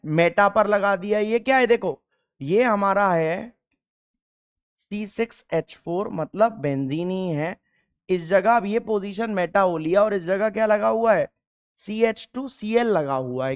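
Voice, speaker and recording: A man's voice: high-pitched, smooth. Man teaching chemistry, asks and answers. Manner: asks questions then answers them himself; repeats key terms slowly. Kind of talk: classroom lecture.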